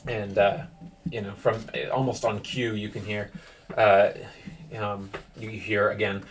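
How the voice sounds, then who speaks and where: A man's voice: lowish voice, flat delivery, normal speed, a bit bright, far from the mic. A man narrating as game master of a tabletop game, rambling with many fillers.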